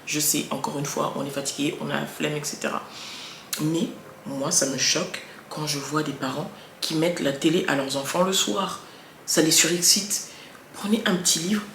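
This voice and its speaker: A mother chats casually to camera, sharing parenting tips, correcting herself along the way and articulating with emphasis. Her low voice is steady, gravelly and fairly bright at normal speed, captured on a wireless earbud in an echoey room with faint background noise.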